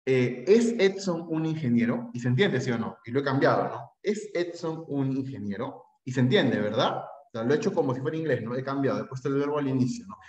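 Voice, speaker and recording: A man's voice: mid-range voice, expressive, fairly quick, hardly any pauses, darkish tone, echoey room, muffled recording. A man with a Peruvian Spanish accent teaching an English class to pre-university students, chatty and constantly checking in with his listeners. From Peru. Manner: chatty, checks in often with tag questions.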